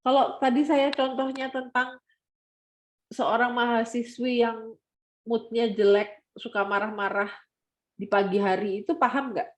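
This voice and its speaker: A woman mentoring students online, explaining with lively acted-out examples. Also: fairly high pitch, unhurried, pauses often, echoey room. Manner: animated, acts out scenes with quoted voices.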